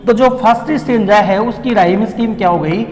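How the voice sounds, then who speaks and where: A man's voice: high-pitched, brisk, darkish tone, roomy sound, in a large hall. A male teacher giving a poetry lesson who keeps asking questions and answering them himself, repeating the key terms.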